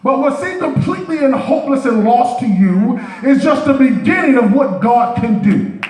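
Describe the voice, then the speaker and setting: A man preaching a sermon as a deacon, moving from calm teaching to shouted, half-sung cries and slowly stretched phrases. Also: extremely high pitch, a little hiss or hum. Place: church sanctuary with congregation. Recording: echoey church from far off, with faint music and crowd.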